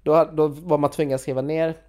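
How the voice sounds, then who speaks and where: Young woman, conversational storyteller, animated, quotes others, filler-heavy delivery. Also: low-pitched. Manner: animated retelling with quoted voices and frequent fillers. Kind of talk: casual chat, storytelling.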